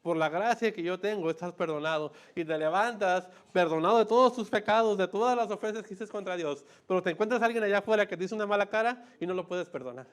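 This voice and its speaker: A man preaching a sermon, emphatic, repeating his key phrases and swinging between loud and hushed. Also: high-pitched, quick pace, few pauses. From Mexico.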